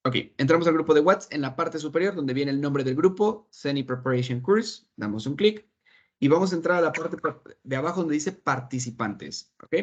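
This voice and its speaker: A man's voice: a little high, lively intonation, moderate pace, highs cut off. A man teaching an online English class, patiently explaining and checking that his students follow. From Mexico. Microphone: video call.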